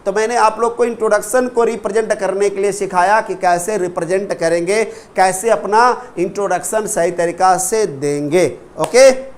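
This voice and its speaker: Brief: man, Indian teacher, fairly high voice, slow repeated drills, greets viewers by name. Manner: drills phrases slowly, repeating each several times; calls on viewers by name in a friendly way. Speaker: spoken English teacher. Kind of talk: live online class, mixing Hindi and English.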